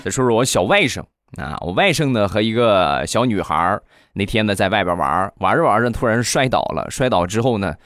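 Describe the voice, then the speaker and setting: A man, hosting a podcast and telling comic stories in a chatty, relaxed way. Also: lowish voice, fairly quick. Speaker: podcast host. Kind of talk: comic storytelling.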